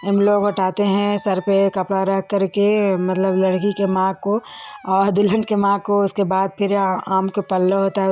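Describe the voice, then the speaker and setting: A young woman narrates her own wedding video in a chatty, casual way, talking directly to viewers as friends and using lots of fillers. Her voice is mid-range and a little mellow.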